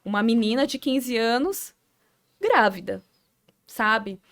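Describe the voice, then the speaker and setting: A young adult woman with a Brazilian Portuguese accent, a podcast guest telling her personal story earnestly, halting and repeating words as she recalls. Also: on the high side, lively intonation.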